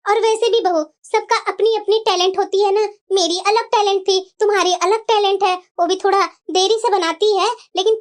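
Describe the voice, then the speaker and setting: A woman's voice: extremely high pitch, steady tone, brisk, hardly any pauses, voice pushed down. A woman voicing a fussy, scheming elderly mother-in-law in a cartoon, scolding and coaxing and calling her daughter-in-law again and again. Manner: scolding, coaxing, repeats "bahu". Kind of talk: cartoon voice acting.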